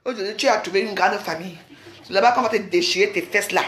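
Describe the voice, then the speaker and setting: A woman's voice: mid-range voice, fast, a bit bright, slight background noise. A woman from Cameroon, ranting angrily on a home live stream, scolding and repeating herself. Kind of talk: angry live-stream rant. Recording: roomy echo.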